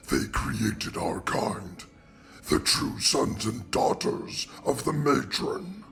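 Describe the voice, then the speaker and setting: A man voicing a solemn, ancient godlike oracle who speaks as "we" in a slow, grave storytelling cadence. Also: mid-range voice, gravelly, a bit bright, exaggerated voice. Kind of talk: amateur fantasy audio drama.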